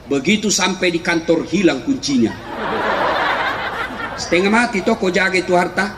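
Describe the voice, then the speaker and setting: A middle-aged man preaching a comic sermon, animated, often shouting and laughing through his punchlines. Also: high voice, normal speed. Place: large hall with a live audience. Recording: echoey hall, faint crowd and noise.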